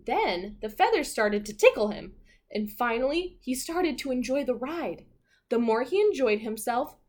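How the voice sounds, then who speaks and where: Reading a picture book to little kids, a fairly high-pitched woman teacher brings lots of expression. She breaks off for chatty comments on the pictures and questions to get the children involved.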